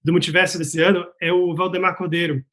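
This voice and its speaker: His voice sits high with little pitch movement, fast and fairly bright, as this Bahian researcher from Salvador, Brazil speaks on a casual online panel over video call. He is earnest, hesitant and full of fillers, with a Bahian Brazilian Portuguese accent.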